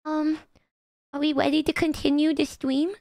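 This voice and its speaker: A woman voicing a cutesy, childlike anime girl in drawn-out, babyish uwu speak while livestreaming. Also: high voice, level tone, a little mellow, no echo, studio quality, close to an everyday voice. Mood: cutesy teasing.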